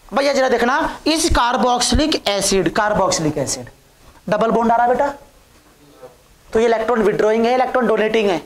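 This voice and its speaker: A woman's voice: a little high, lively intonation, fairly quick. A woman teaching a chemistry class, coaxing her students with questions that she answers herself. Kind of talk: classroom lecture. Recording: echoey room.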